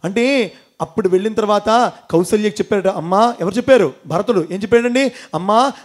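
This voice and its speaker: A man's voice: high voice, brisk. A man giving a devotional storytelling talk to an audience in a temple hall, asking them questions and acting out the characters. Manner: asks audience questions, acts out voices. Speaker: motivational speaker.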